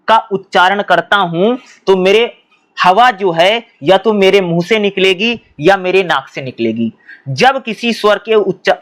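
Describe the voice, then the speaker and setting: A man's voice: sits high, a bit bright. A male teacher explaining exam topics who asks questions and answers them himself and often repeats his points. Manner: often repeats himself and addresses students as bhai.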